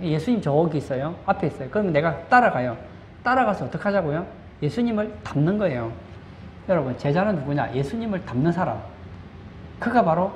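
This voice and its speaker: Male pastor preaching, asks questions then answers them, repeats stuff for emphasis, echoey church room. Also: on the high side. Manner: emphatic, repeats key phrases. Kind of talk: sermon. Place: church sanctuary. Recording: echoey room with faint background noise.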